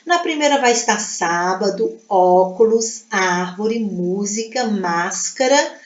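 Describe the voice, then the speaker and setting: A woman's voice: mid-range voice, animated. A woman from Brazil with a Minas Gerais accent, a Portuguese teacher going through exercises in a recorded class, patiently spelling out syllables one by one. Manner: patient, spells out syllables slowly, uses diminutives. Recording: echoey room.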